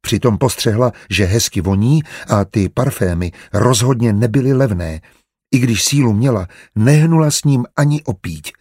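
A man narrating an audiobook in a measured, even reading style. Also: mid-range voice, husky, no echo, studio quality.

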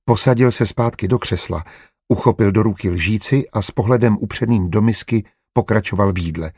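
Husky low-voiced male narrator. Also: darkish tone, no room sound, clean studio sound. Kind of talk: audiobook narration.

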